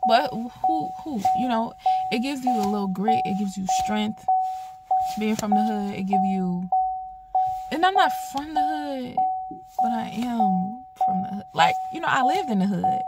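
A young woman with a Chicago accent talks into her phone in the car, chatty and given to laughing and repeating herself. Her voice sits a little high and swings widely in pitch. Loud music plays over the recording. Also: very animated, normal speed. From Chicago, USA. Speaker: vlogger. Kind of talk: casual chat to camera. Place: inside a car, then arriving home. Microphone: phone camera.

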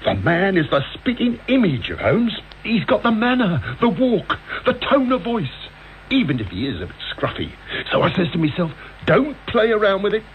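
A man's voice: high-pitched, huge pitch swings, normal speed. A man acting an eager, deferential police inspector in a radio drama, chatty and colloquial, with a working-class English accent. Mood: eager, insistent. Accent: British, working-class English. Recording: muffled, noisy old radio broadcast recording.

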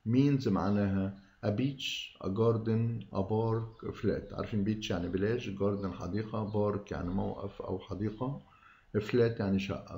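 A man with an Egyptian Arabic accent who teaches English in a revision lesson. He reads each English sentence slowly, then explains it quickly in Arabic. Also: lowish voice, vocal fry, mellow, dull audio. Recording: echoey room with faint noise.

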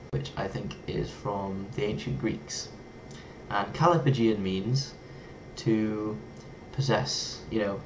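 Talking casually to camera, this young adult from England sounds playful and lively, toying with foreign words from his small bedroom. His voice is fairly low, and the poor audio has a little hiss or hum.

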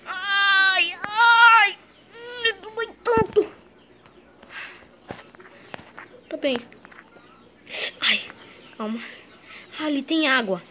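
A high, bright-voiced young green dinosaur , played by a woman, who chatters to himself in slang while he roams. He sounds light and youthful, with a soft hiss of background noise. This is casual in-character game role-play. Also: expressive, slow, long pauses, exaggerated voice. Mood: hurting. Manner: chatty, slangy, talks to itself.

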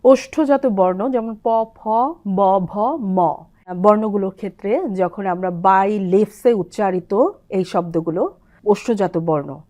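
A woman's voice: medium pitch, mellow. Woman demonstrating careful pronunciation. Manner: demonstrative, recites poem lines slowly. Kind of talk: explaining pronunciation with spoken examples. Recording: television studio.

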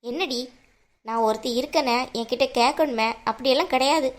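A woman voicing a harsh, domineering mother-in-law in an animated cartoon, scolding in a bossy way. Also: high-pitched, fairly quick, lightly acted. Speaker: voice actor.

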